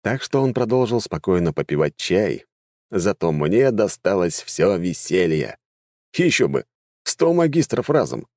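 A male audiobook narrator tells a fantasy story with a wry, lively touch. His voice is deep and low. The recording is dry and close, with no room echo. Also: unhurried.

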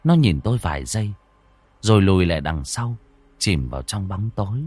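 Lively low-voiced male storyteller. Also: moderate pace. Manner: expressive, dramatic first-person telling. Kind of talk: scripted horror story narration.

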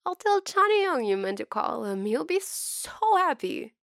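A kind young man who teases his friend gently and hums while thinking, read by a woman. The voice carries a slight gravelly texture, recorded close and dry with no room sound, and it stays near the reader's own voice. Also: high voice, very animated, unhurried, no room sound, voice pushed up, exaggerated voice. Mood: teasing. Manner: gentle, teasing, humming. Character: patient teasing young male friend.

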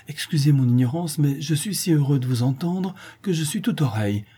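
A man doing a flustered, gushing gentleman. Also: fairly high pitch, expressive, fairly quick, breathy edge, voice pushed up. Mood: effusive. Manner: stammering, gushing, tearful. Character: timid, emotional middle-aged man, easily flustered. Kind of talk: audiobook reading.

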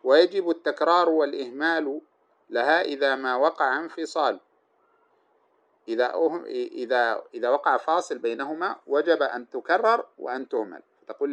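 A man's voice: medium pitch, lively intonation, a little fast, fairly bright tone. A man teaching an Arabic grammar lesson, explaining step by step, repeating his examples and putting questions to his listeners before answering them himself.

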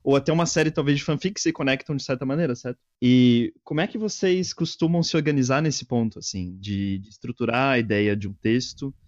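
A man's voice: mid-range voice, a little fast, few pauses, darkish tone, dry recording. A man in a casual chat about writing, reflective and asking the others questions. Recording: dull, lo-fi dry sound.

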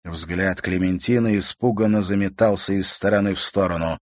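A man narrating an audiobook in a measured, expressive reading. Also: deep voice, dry recording, clean studio sound.

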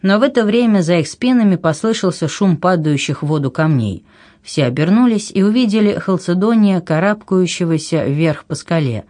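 A reader narrating an adventure audiobook in an expressive, animated way. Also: mid-range voice, normal speed.

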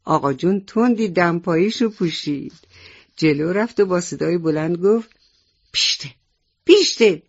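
A woman's voice: fairly low pitch, husky, lo-fi sound. A woman storyteller narrating a children's bedtime story on the radio, speaking directly to the children listening. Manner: warm, addresses children directly.

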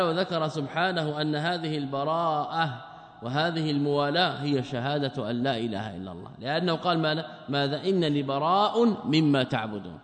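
Guy lecturing on theology, fairly high voice, keeps asking then answering himself, hall reverb. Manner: explains by asking and answering his own questions. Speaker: religious teacher.

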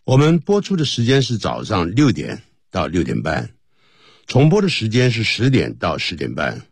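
Husky, animated male radio English teacher. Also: fairly low pitch, no echo. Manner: explains patiently, repeats and slowly models English phrases. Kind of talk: radio language lesson. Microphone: studio microphone.

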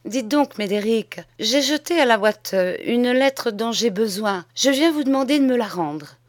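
A violent-tempered village mayor from an old storybook, all bluster and pleading, as a woman puts him on. The voice sits well above the reader's own and comes across loud and strained, tumbling out in stammered bursts. It is dry and close, with no room around it. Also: a little high, animated, normal speed, dry recording, voice pushed up, natural voice. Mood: flustered. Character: middle-aged male village mayor, violent-tempered, desperate.

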